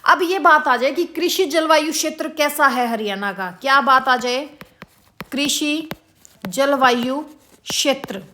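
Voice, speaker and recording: A woman teacher giving an exam-prep lesson, repeating each question slowly and drilling the answers for her students. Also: sits high, bright, forceful tone. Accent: Haryanvi-tinged Hindi. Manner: addresses students as beta.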